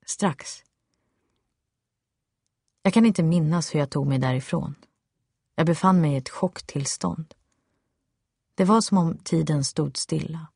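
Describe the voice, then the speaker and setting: A Swedish woman reads a first-person story aloud in a steady, tense manner. Her voice is low, and the recording is close and dry with no room sound. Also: dry recording. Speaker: audiobook narrator. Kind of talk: first-person memoir narration.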